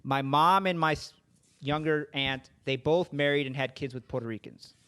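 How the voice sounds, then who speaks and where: A man hosts a podcast interview and tells stories about his family. His voice sits a touch high for a man. He rambles and hesitates, often stumbling over and repeating his words. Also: normal speed, bright, forceful tone, clear, resonant tone. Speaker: podcast host.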